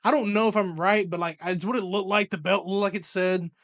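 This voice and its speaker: A man's voice: high-pitched, steady tone, a little fast, a bit bright, dry recording, studio quality. A man co-hosting a wrestling podcast, chatting casually, loose and profane, laughing often. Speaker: podcast co-host. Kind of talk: casual chat.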